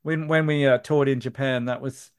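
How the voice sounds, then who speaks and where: A man's voice: mid-range voice, steady tone, normal speed, smooth. Aussie host guy, easygoing chat, lots of yeahs and rights. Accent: Australian. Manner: chatty, frequent brief agreements. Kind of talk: casual conversation.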